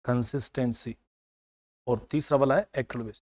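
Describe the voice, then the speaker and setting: In a classroom lecture on accounting, a fairly high-voiced man speaking at normal speed draws on everyday household examples and mixes in English terms. He keeps nudging his students to recall the answers.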